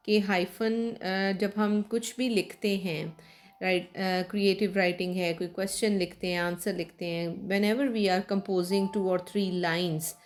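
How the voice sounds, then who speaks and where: A woman teaching an English grammar lesson, switching between slow careful English and quicker explanation. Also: mid-range voice, darkish tone.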